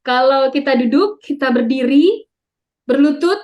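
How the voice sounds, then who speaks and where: Woman teacher, high-ish voice, lively and playful, online lesson on a webcam. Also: unhurried. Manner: lively, playful, quizzes the audience. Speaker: catechism class teacher.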